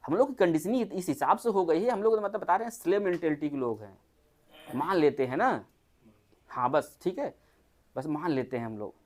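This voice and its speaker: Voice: medium pitch, animated, brisk, darkish tone. Chatty doctor. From Uttar Pradesh, India. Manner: chatty, asks the listeners many rhetorical questions. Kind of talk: informal health talk to a small group.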